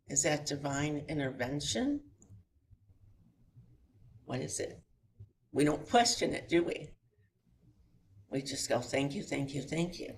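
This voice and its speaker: A woman's voice: sits low, slight background noise. Woman telling a story from a chapel pulpit. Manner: animated, asks the audience rhetorical questions. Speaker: guest speaker at a chapel. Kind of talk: storytelling spiritual lecture. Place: chapel hall before an audience.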